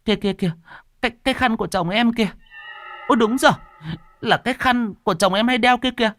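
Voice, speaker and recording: A wailing young village wife. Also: male voice, fast, fairly bright tone, faint music behind. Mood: frantic wailing. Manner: shrill wailing falsetto.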